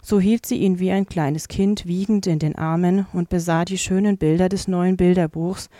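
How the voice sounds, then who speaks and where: A woman narrating a classic fairy tale in a calm, measured reading voice. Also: lowish voice, dry recording, clean studio sound. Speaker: audiobook narrator. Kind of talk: scripted storybook narration.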